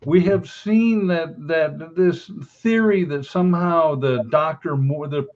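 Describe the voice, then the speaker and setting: Slow-paced, assertive older man, slightly muffled. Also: a little high, darkish tone. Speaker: veteran crime investigator, panelist. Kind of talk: opinionated panel commentary.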